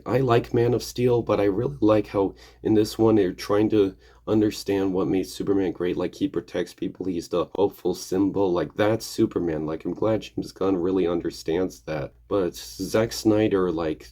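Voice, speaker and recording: A man with a slightly hoarse, gravelly voice from getting over an illness, chatting in a casual, rambling, hesitant way as a video host. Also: low voice, moderate pace, hardly any pauses, dark tone. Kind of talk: casual rambling vlog chat.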